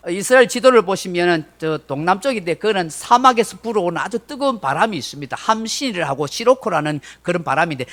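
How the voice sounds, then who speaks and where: A man's voice: high voice, bright, forceful tone. A middle-aged male pastor preaching a Sunday sermon, telling the story dramatically and acting out quotes.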